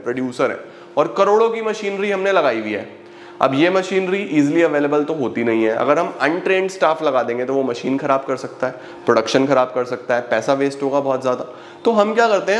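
A man teaching an exam-revision lesson, lively and repetitive, posing rhetorical questions and slowing right down to dictate definitions. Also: on the high side, a little hiss or hum. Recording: echoey room.

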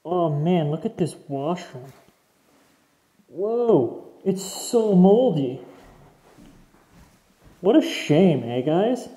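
A man's voice: a little high, big pitch swings, drawn-out words, long pauses, dark tone. A young man exploring an abandoned mansion basement, chatting casually to his viewers as he walks through. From Canada. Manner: chatty, addresses viewers as guys. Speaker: urban explorer host. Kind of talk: casual walkthrough commentary. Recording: echoey empty rooms.

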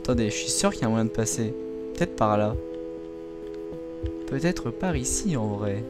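A man's voice: on the low side, animated, moderate pace. Giggly young man playing a game. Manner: chatty, giggly, talks to viewers. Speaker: gaming video host. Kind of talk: casual let's-play commentary. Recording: game music playing behind.

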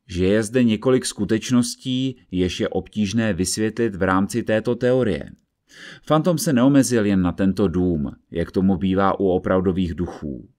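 In an audiobook reading, a man with a lowish, natural voice plays a calm, methodical investigator who lays out his reasoning step by step.

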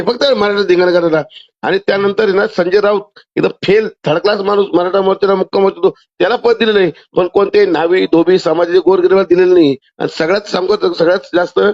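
A man, talking insistently as a caller over a telephone line and pushing in over the other person. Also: sits high. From Maharashtra, India. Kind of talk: argumentative phone conversation. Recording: muffled phone call audio.

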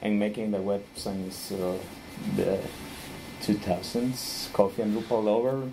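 A man in his thirties from Rica, speaking English, giving a friendly conference talk with frequent small laughs and pauses while he searches for words. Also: lowish voice, background noise. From Costa Rica.

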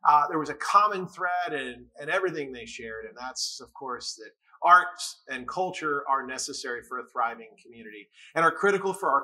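A man's voice: a little high, sharp tone. A man co-hosting an arts awards show, upbeat and jokey as he makes a fundraising appeal.

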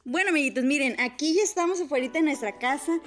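Bright, high-pitched sing-song woman gaming host. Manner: bright sing-song with drawn-out words and diminutives. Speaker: host of a children's gaming video channel. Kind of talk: gameplay commentary for children. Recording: music under the voice. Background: background music.

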